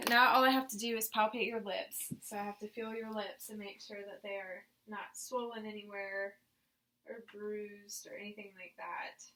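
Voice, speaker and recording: A woman's voice: mid-range voice, steady tone, measured pace, bright, forceful tone, poor audio. A woman demonstrating a clinical exam, informally explaining each step and giving instructions to her patient. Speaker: examiner demonstrating a nursing head assessment on a patient.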